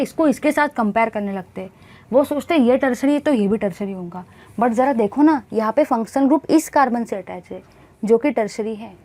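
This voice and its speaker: A woman's voice: sits high, a little mellow. A woman teaching a chemistry class, asking questions and answering them herself, calling the students bhai and guys.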